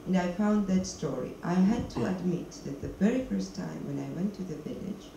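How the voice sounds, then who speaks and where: A middle-aged woman with a low, gravelly, dark voice speaks animatedly at a brisk pace. She's a documentary filmmaker seated on the stage of a screening hall for a Q&A, holding a handheld mic and often pausing to find English words, while the distant mic picks up an echoey, noisy hall.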